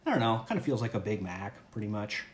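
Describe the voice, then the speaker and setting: Very animated and fast, a man with a voice on the low side hosts a casual livestream at home, upbeat and chatty as he tries food and restarts sentences often. His camera or phone mic captures an echoey indoor room with faint ambience and a little hiss or hum.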